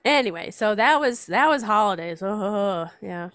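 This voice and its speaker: This show regular, an older writer and artist, talks casually, laughs a lot and reads aloud a poem she wrote. Her mid-range voice is a bit bright, with lively intonation and a measured pace. The sound is clean studio audio with no room sound.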